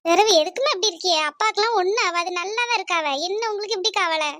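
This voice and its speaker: A woman plays a caring young neighbour in a cartoon who coaxes and reassures an old couple, speaking. Her voice is very high and fast, recorded close and dry. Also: sharp tone, no room sound. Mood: reassuring. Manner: coaxing and reassuring.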